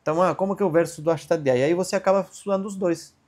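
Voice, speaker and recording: A man's voice: high voice, darkish tone. A man teaching an online Sanskrit grammar class over a video call, explaining patiently and often checking in with "entende?". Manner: slow chanted recitation of a verse.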